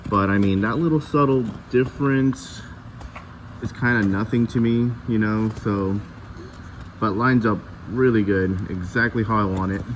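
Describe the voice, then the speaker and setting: A man's voice: on the low side, a little slow, slight background noise, poor audio. A man giving a casual, hands-on how-to commentary, recorded on a handheld camera in a garage. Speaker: DIY car builder presenting. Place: metal-walled garage workshop.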